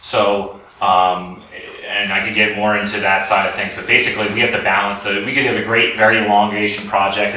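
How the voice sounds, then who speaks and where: Speaking in a low, bright, forceful voice, a company executive gives an audience an informal product lecture in an indoor lecture room, often correcting himself mid-explanation. The room is very echoey, the mic distant, and faint noise is audible.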